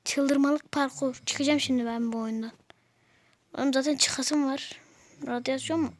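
A woman's voice: high voice, fairly even intonation, normal speed, dry recording. A woman giving casual gameplay commentary to her followers, grumbling and exasperated at the game. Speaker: gameplay video maker.

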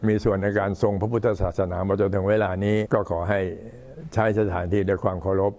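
Low-voiced older Thai monk, an old man. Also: flat delivery, a little fast, darkish tone. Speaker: Buddhist monk addressing temple visitors. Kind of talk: informal talk, recounting temple history and announcements.

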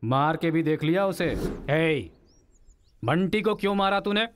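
A doting, lively father. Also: on the high side, measured pace, a little hiss or hum. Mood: scolding. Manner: coaxing, sing-song baby talk. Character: doting, joking father of a small boy. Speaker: father in a prison story. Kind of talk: Hindi film dubbing. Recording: film soundtrack with music under. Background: film score.

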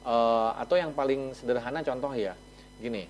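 A man speaks as a talk show guest in a TV studio and explains things patiently through examples. His speech is dotted with hesitant fillers, and his voice sits at an ordinary middle pitch. A faint hum runs underneath. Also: moderate pace. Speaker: talk show guest, English course representative.

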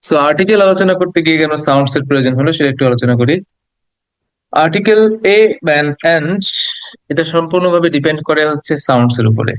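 A man teaching an English lesson, patiently repeating his points and slowly sounding out example words. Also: a little high, lively intonation, clear, resonant tone, no echo. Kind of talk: explanatory lesson.

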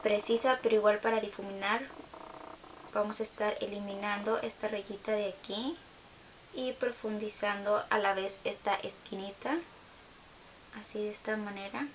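A woman's voice: mid-range voice, little pitch movement, moderate pace, slight background noise. A young woman gives a casual makeup tutorial from her bedroom, chatting along with hesitant fillers.

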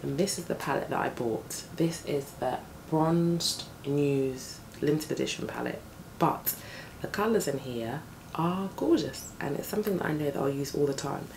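The recording quality is low: a beauty vlogger in her thirties, with vocal fry and a morning voice deeper than usual, chats at a moderate pace while applying makeup in a laid-back tutorial. She sits close to a camera on a desk in her flat, and plane and street noise enter through the open window.

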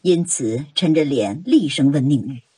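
A woman narrating a novel audiobook in an expressive, dramatic storytelling manner. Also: deep voice, normal speed, breathy edge, no echo.

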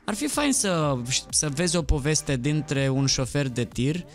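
Man in his thirties, radio host, casual studio chat, somewhat high voice, faint music underneath. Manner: relaxed, advising, trails off mid-sentence. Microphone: studio microphone on arm.

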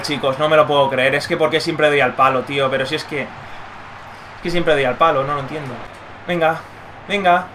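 Excitable young streamer, bright high voice. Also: male voice, a little hiss or hum. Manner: excitable, swings from muttering to yelling. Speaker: gaming streamer. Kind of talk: live gameplay commentary.

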